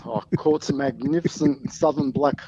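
A man's voice: mid-range voice, moderate pace, dark tone, breathy edge. A man with an Australian accent calling in to a casual sports talk show, speaking in a laconic, understated drawl. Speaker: phone-in caller. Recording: dull, band-limited phone call.

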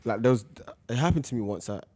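A man's voice: mid-range voice, lively intonation, quick pace, darkish tone, no room sound. A young man with a London accent telling personal stories in a casual, slangy chat. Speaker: school staff member.

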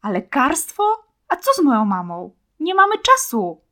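A woman reading a storybook and voicing a frightened, stubborn young boy who pleads and shouts in anger. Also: high-pitched, lively intonation, moderate pace, voice pushed up. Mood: furious.

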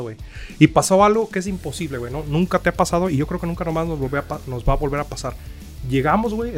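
Rapid slangy Mexican man. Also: fairly high pitch. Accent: Mexican Spanish. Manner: slangy, profane banter. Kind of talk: casual chat.

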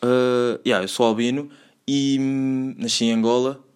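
A man in his twenties with a Lisbon Portuguese accent hosts his own podcast alone, rambling casually with lots of slang and filler words. His voice is medium-pitched with little pitch movement, measured in pace, a little mellow and clean in tone.

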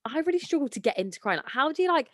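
A woman's voice: high-pitched, big pitch swings, racing, dry recording, clean studio sound. A woman chatting on a podcast, rambling and self-deprecating. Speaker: podcast co-host. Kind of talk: casual chat.

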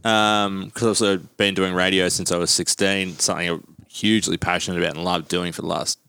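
A man's voice: sits low, fairly even intonation, a little fast, creaky, sharp tone, smooth, no echo. A man in his thirties hosting a casual podcast, chatty and rambling with many ums. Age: 30s. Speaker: podcast host.

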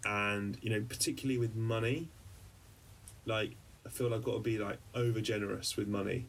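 Gravelly man, hesitant storyteller. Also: fairly low pitch, fairly even intonation, moderate pace, distant mic, slight background noise. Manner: rambling, hesitant, many fillers and restarts. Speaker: podcast co-host; journalist. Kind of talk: casual conversational storytelling.

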